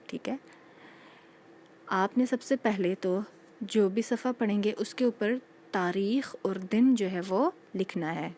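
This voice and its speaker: A woman teacher giving a patient recorded phonics lesson to young children, repeating each sound slowly and checking in with them often. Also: medium pitch, darkish tone, a little hiss or hum. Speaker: school teacher.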